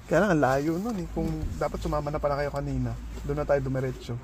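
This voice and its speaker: A woman's voice: low voice, quick pace, a little mellow, slight background noise. A Filipino woman chatting casually in a family vlog while waiting to eat, stopping now and then to soothe a fussy toddler, recorded on a handheld phone. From Philippines. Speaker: vlogger. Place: public place, waiting to eat.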